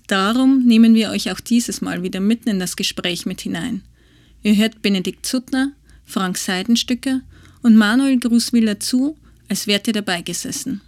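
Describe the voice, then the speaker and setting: Woman co-host explaining the episode, measured tone, dry close mic. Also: mid-range voice, a little mellow, no room sound. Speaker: podcast co-host. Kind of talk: scripted podcast intro.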